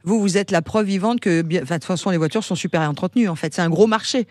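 Male talk radio host, high-pitched, familiar and interjecting, informal delivery, dry sound. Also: quick pace, a little mellow, no echo. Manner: chummy, interjecting.

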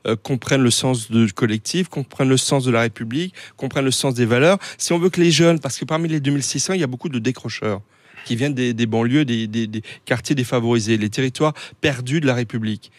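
A man's voice: medium pitch, fast talker, no room sound. Insistent male debater, dry studio sound. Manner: insistent, repeats phrases for emphasis. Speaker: debate panelist. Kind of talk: opinionated live debate.

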